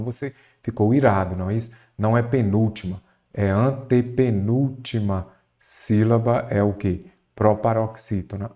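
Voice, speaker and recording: A man's voice: medium pitch, darkish tone. A man from Brazil teaching Portuguese for an exam, solving test questions and often asking rhetorical questions of his students.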